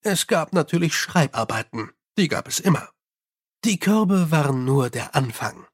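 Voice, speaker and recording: A man reading a novel aloud as an audiobook narrator, with expressive, lively storytelling. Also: fairly high pitch, unhurried. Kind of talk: scripted narration.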